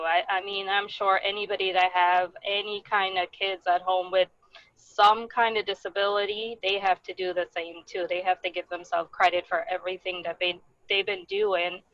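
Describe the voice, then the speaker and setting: A woman's voice: mid-range voice, fairly bright tone, no echo. A woman speaking by phone from her car while she drives, chatting openly and gratefully with a few small laughs and restarts. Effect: speaking over a phone from a moving car. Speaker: webinar participant. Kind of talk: casual chat. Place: in a car, driving. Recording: muffled dry phone line from a car.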